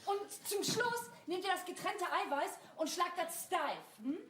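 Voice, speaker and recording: Stage comedy: a brisk woman giving instructions, very high and bright voice, roomy sound. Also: expressive, full character voice.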